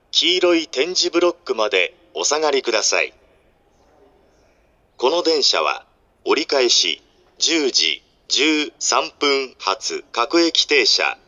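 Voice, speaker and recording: A man delivers a formal train station announcement at an unhurried pace, with lively rises and falls in pitch. His voice is bright and projected, captured dry but slightly dull in fidelity. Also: dry recording.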